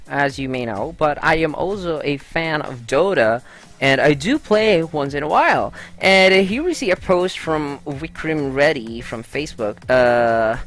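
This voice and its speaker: Chatty gaming vlogger, gravelly voice. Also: mid-range voice, a bit bright. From Philippines. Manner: chatty and upbeat, lots of "uh" fillers. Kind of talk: casual vlog commentary on gaming news.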